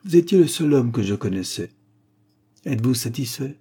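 A man's voice: mid-range voice, expressive, normal speed, mellow, breathy edge, voice pushed up. A man reading the part of a young noblewoman in an audiobook, dignified and dismissive. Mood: coolly dismissive.

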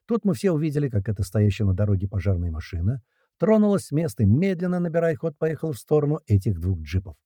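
A man's voice: mid-range voice, big pitch swings, fast talker, mellow, breathy edge, no room sound, studio quality. A man reading a first-person action audiobook aloud, with tense narration and the dialogue read in. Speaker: audiobook reader.

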